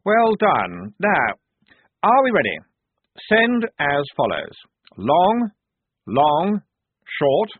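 A man voicing a pompous, fussy young army lieutenant with a prim, self-important, high-strung manner. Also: wildly swooping pitch, drawn-out words, long pauses, slightly rough, no room sound, heavily acted. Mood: fussy, commanding. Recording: tinny phone-like dry sound.

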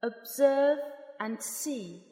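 A woman slowly leading a guided meditation in a calm, soft, unhurried voice with long pauses. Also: sits high, faint music behind. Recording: roomy long reverb.

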